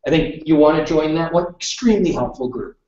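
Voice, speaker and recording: A British Columbia workshop presenter leads a live classroom session in a slightly high, dark-toned voice, speaking briskly. He's chatty with the audience and keeps checking in with "okay?". The room recording is roomy, distant and dull.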